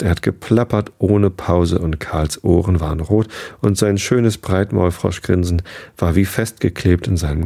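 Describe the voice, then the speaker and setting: Deep gravelly man reading a children's story. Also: warm tone. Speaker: narrator. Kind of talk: scripted narration of a children's story.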